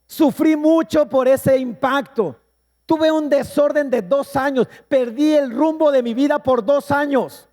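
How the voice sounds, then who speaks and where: A middle-aged man preaching from the pulpit, his voice sitting very high for a man. He tells personal stories in an earnest, emphatic way, and a long hall reverb trails after every phrase. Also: unhurried, darkish tone. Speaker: pastor. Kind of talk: sermon. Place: church hall.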